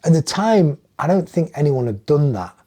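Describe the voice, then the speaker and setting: His voice runs on the high side at a moderate pace. A middle-aged music producer from England with an English accent, he's a guest in a casual podcast conversation, telling lively stories and acting out other people's lines.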